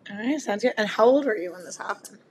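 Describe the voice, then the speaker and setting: A woman with a hoarse smoker's rasp from screaming, hosting a casual interview. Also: medium pitch, lively intonation, fast talker, darkish tone, slight background noise. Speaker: podcast host.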